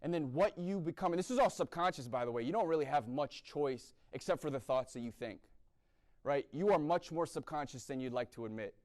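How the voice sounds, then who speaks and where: This speaker at a university chapel event is a young man from the US East Coast, preaching bluntly and frequently asking "right?". He sounds a little high-pitched, animated and brisk, with a slightly mellow tone.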